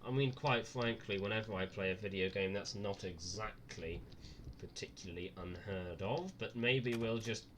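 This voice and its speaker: A man's voice: on the low side, normal speed, a bit bright, a little hiss or hum. A scared, nervous man giving live horror game commentary with dry sarcasm and frequent swearing.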